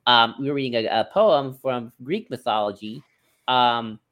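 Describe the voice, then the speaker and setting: Co-hosting a podcast, a man chats casually about book picks, his talk stop-start, hedging, and full of asides. He speaks at a moderate pace in a mid-range, fairly bright voice.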